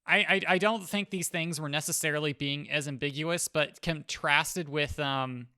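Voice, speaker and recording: A man's voice: fairly high pitch, steady tone, normal speed, bright, forceful tone, smooth, dry recording, studio quality. A man co-hosting a casual podcast, making careful points with many hedges and fillers. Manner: thoughtful, hedging with fillers. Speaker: podcast co-host. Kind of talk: casual gaming podcast chat.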